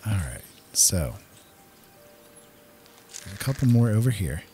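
A man with a dark, lowish, sing-song voice narrates a casual let's play slowly, thinking aloud as a gaming host. Game music and outdoor nature sounds fill the background.

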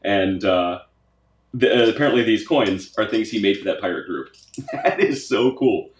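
Speaking at a moderate pace with a fairly low, expressive voice, a pipe tobacco channel host opens a gift box in a casual unboxing vlog. He's enthusiastic and keeps repeating his words, and the recording carries a roomy, echoey room sound.

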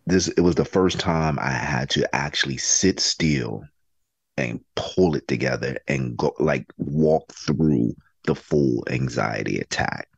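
A man's voice: extremely low pitch, creaky, husky, no room sound, muffled recording. A man co-hosting a podcast, chatting casually and teasing with frequent laughs. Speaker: podcast co-host. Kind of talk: casual chat.

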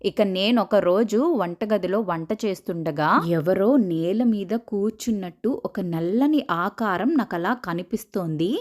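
Woman narrating a ghost story. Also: mid-range voice. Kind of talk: scripted first-person horror story narration.

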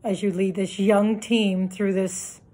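Slow, flat-toned woman. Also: mid-range voice. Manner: slow, halting, flat delivery. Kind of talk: recorded video message.

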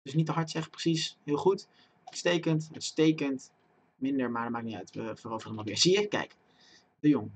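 A young man giving live commentary on his own football game, chatting to viewers and breaking into loud excited yells at big chances. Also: medium pitch, fairly quick, a little hiss or hum. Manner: talks to himself and chat, bursts into loud excited shouting at chances. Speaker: gaming streamer. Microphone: desk microphone.

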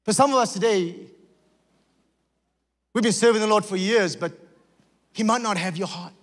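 A male pastor preaching a sermon in a church, telling stories and acting out voices with lively energy. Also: high voice, moderate pace, long reverb tail. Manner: animated storytelling with acted-out voices. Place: church sanctuary.

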